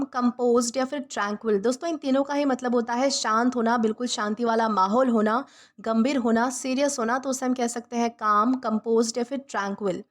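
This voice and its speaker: A woman's voice: high voice, fairly bright tone. A woman teaching English vocabulary, patiently repeating and rephrasing each meaning. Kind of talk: vocabulary lesson explained in Hindi.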